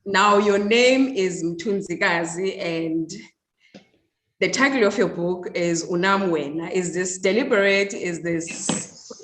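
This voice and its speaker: A woman's voice: on the low side, takes it slowly, a bit bright. A South African woman from the Eastern Cape with a Xhosa accent, interviewing in a literary conversation and switching between two languages. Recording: roomy echo.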